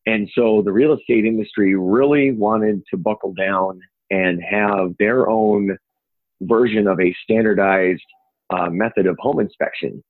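This low, steady, unhurried male voice belongs to a middle-aged interview guest who runs a home inspection business in Upper Michigan. His Upper Peninsula (Yooper) accent comes through as he chats in a folksy, wordy, playful manner. The sound is narrow and echoey, as over a phone.

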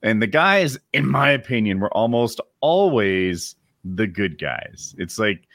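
A man with a fairly low voice chats bluntly and jokes as he goes. His pitch moves a lot, and the recording is dry and close. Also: very animated, a little slow, gravelly, fairly bright tone, no echo. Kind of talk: casual chat.

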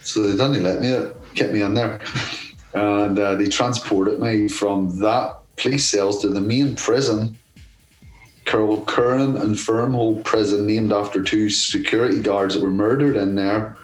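A middle-aged man with a low voice tells a rowdy story as an interview guest. He swears freely and chuckles his way through it, with faint music underneath. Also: steady tone, a little slow, rough recording. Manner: profane, laughing storyteller. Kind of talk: casual anecdote telling.

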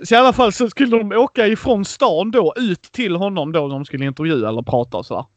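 A man chats casually on a podcast, his voice sitting a little high for a man. He retells a game night with lively, acted-out quotes. The sound is dry and close, with no room around it. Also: dry recording, lo-fi sound. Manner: animated storytelling, acts out players' lines, laughs a lot. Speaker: podcast host. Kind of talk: casual chat recounting a tabletop game.

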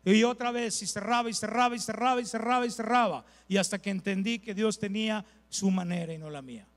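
A man, a pastor preaching a sermon with lively storytelling, repeated phrases and asides to the congregation. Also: high voice, quick pace, big-room sound.

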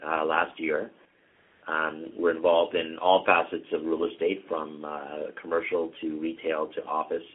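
A middle-aged Canadian real estate executive, his voice low and husky, talks as a guest in a casual interview. He sounds relaxed and drops in lots of ums and uhs. The line is tinny, like a phone.

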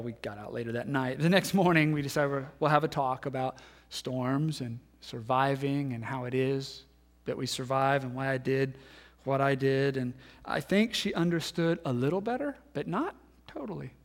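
A man in his thirties, a pastor giving a sermon, telling a story and acting out the voices in it, then dropping to hushed tones. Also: mid-range voice, moderate pace. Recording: long hall reverb.

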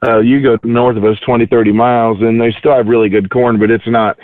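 Heard over a thin, tinny phone line, a man gives casual market commentary in a folksy, rambling way, full of "you know" and "uh". His pitch sits in an ordinary middle range. The line is dry and close, with no room sound. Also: flat delivery, brisk, no echo. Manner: folksy, rambling with many fillers. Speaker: market analyst guest.

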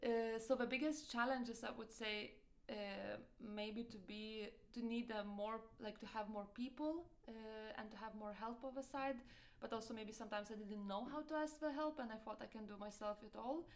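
A young woman with a Lithuanian accent answers an interviewer's questions in English, her second language. She speaks in a slightly high register and hesitates often, filling gaps while she hunts for the right word. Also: fairly even intonation, normal speed. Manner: hesitant, searching for words, many fillers. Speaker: entrepreneur guest.

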